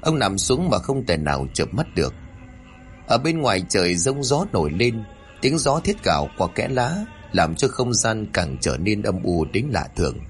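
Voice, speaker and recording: A man's voice: fairly low pitch, big pitch swings, moderate pace, soft background music. A man narrating a horror story, reading in a dramatic, suspenseful way.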